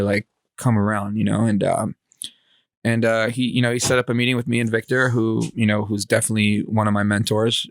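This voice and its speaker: A man with a lowish voice co-hosts a podcast, chatting in a laid-back, slangy way. Born in Israel, he grew up in the Los Angeles area of California. The recording is dry and studio quality.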